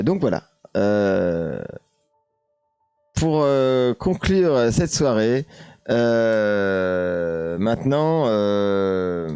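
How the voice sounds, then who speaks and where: A man's voice: mid-range voice, darkish tone, no echo. A man with a French accent hosting a casual live stream, hesitant with many fillers, reading chat comments aloud and answering them.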